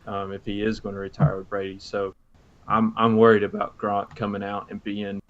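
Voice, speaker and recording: A man's voice: on the low side, completely flat delivery, moderate pace. A man co-hosting a sports podcast, talking football casually in a rambling way. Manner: rambling, many fillers and restarts. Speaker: podcast co-host. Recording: dull lo-fi mic audio.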